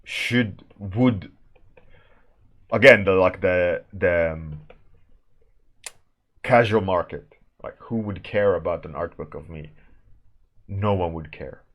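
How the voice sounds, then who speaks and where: With a low voice and a slow pace broken by frequent pauses, a Swedish-accented man from Sweden chats casually while drawing on a warmup stream. He rambles, restarts and laughs often as he responds to chat, and the recording has its highs cut off.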